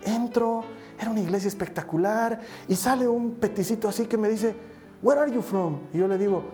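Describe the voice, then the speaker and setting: A man's voice: sits high, fairly even intonation, fairly quick, dark tone, soft background music. A middle-aged Bolivian man preaches, speaking Spanish with a Bolivian accent. He tells a personal testimony in a storytelling way and briefly acts out the people he quotes.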